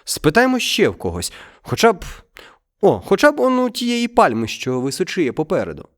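A man's voice: high voice, wildly swooping pitch, moderate pace, voice pushed up. A man voicing a kind, honest villager pleading for justice in a storybook reading. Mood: earnest. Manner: earnest, pleading.

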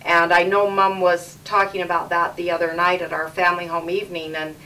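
A middle-aged woman from Canada hosts a relaxed interview in her home, chatty and fond of repeating words for emphasis. Her voice sits a little low. The sound is old camcorder audio picked up from a few steps away. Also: a little fast, distant mic, slight background noise, poor audio. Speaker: host interviewing her parents.

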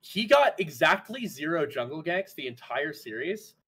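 A male co-caster with a slightly high voice. He breaks down the play casually and slips in dry, deadpan jokes along the way. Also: moderate pace, breathy edge. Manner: dry, joking analysis. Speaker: esports co-caster. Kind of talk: live esports commentary.

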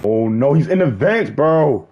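A young man streaming horror games with scared, excitable, slangy reactions and yelling at jumpscares. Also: medium pitch, measured pace, muffled recording, a little hiss or hum. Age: young adult. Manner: casual slangy speech. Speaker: gaming streamer. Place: small indoor gaming room.

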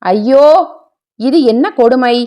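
A woman voicing a grieving widowed mother who speaks softly and sorrowfully. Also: a little high, slow. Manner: soft and sorrowful.

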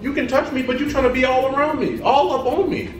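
A man's voice: extremely high pitch, quick pace. A young man chatting casually in an exasperated, protesting way. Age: young adult. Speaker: vlogger's boyfriend. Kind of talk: casual chat. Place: living room, bedroom and supermarket. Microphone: distant camera. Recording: roomy distant camera, music behind.

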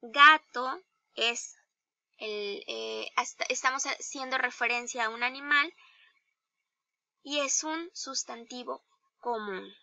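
A woman teacher with a Mexican Spanish accent, giving a slow, deliberate grammar lesson to young children and asking them questions. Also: a little high, creaky, pushed and bright, dry recording. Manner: slow, deliberate, spells out each example; addresses pupils directly with questions. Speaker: primary school teacher.

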